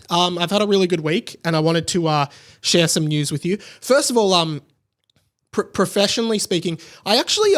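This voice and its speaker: A high-voiced Australian podcast host talks on his own show in a loose, rambling style, frequently interrupting himself and drifting off on tangents.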